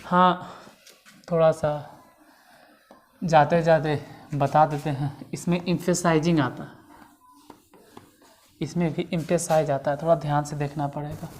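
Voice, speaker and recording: A woman's voice: sits low, steady tone, unhurried, long pauses, darkish tone. A woman explaining English grammar in a casual lesson, repeating examples step by step.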